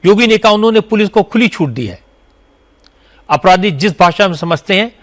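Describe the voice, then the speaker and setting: News anchor, male, slightly high voice, formal measured read. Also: animated, a bit bright. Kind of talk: scripted news narration.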